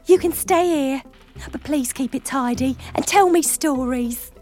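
A woman's voice: high-pitched, a little slow. A woman voicing a kindly, fussy, motherly field mouse who talks in a chatty way. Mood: fussing. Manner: warm-hearted, fussing, chatty. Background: music.

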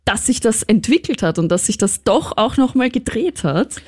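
A woman's voice: a little high, animated, moderate pace, darkish tone. A woman, interviewing a musician in a casual, friendly way. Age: late 20s.

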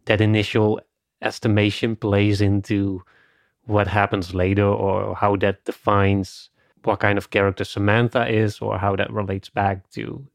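A man's voice: fairly low pitch, level tone, unhurried, vocal fry, dry recording, clean studio sound. A man co-hosting a film podcast, talking things through in a casual, conversational way with a lot of "you know" and "like.". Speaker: podcast co-host.

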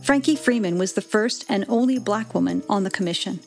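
Measured woman podcast narrator. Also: mid-range voice, a little mellow, soft background music. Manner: measured, clear storytelling. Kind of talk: scripted narration.

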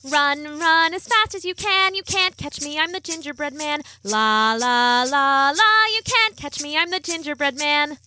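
A cocky little gingerbread cookie man, as a woman puts him on, squeaky and high. He chants and taunts in a bright, sing-song lilt, close and dry. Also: expressive, fairly quick, no echo, soft background music. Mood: taunting.

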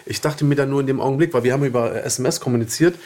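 A man chatting with his wife on a podcast at a middle pitch, words coming fast. His talk is relaxed and slangy, full of easy banter. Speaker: podcast guest, husband. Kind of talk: casual chat.

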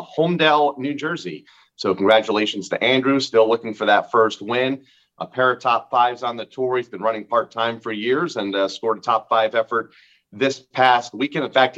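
Casting: steady male co-host, mid pitch, a little lo-fi, informative racing recap. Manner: steady, informative, some fillers. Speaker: podcast co-host.

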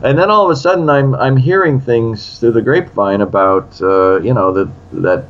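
A man in his sixties, a screenwriter being interviewed, talks at a moderate pace with a medium-pitched voice. He tells his story with animation and performs the quotes in other voices, all captured with lo-fi sound.

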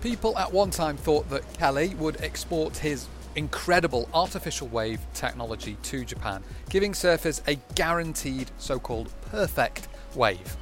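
Man narrating over soft music. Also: on the high side, lively intonation, normal speed, few pauses. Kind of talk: scripted narration.

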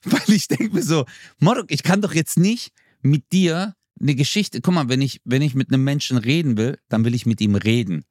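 A man's voice: medium pitch, moderate pace, a little mellow, no echo, clean studio sound. A man co-hosting a podcast in casual chat, laid-back and slangy, acting out quoted lines as he talks. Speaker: podcast co-host.

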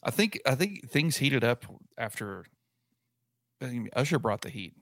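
Gravelly man in his forties. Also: medium pitch, very animated, a little slow, fairly bright tone, no room sound, studio quality. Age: 40s. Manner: rambling, self-correcting, watching and reacting live. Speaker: podcast co-host. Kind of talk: casual sports chat.

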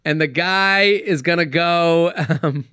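A man, a comedian guest on a podcast, telling a story in casual chat, animated and swearing freely. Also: fairly high pitch, takes it slowly, clear, resonant tone, no echo, clean studio sound.

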